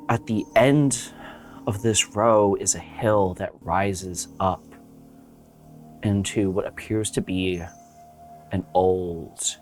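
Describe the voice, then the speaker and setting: A man narrating as game master of a tabletop horror game, with slow, measured descriptions. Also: fairly low pitch.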